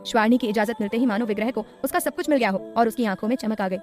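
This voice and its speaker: A woman narrating a romance audiobook in brisk, even storytelling. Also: fairly high pitch, faint music behind. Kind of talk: scripted narration.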